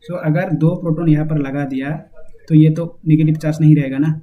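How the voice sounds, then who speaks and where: A man's voice: a little high, fairly even intonation, a little fast. A man teaching a chemistry lesson, explaining step by step and mixing in English terms. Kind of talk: whiteboard lecture. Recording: slightly dull audio with faint hiss.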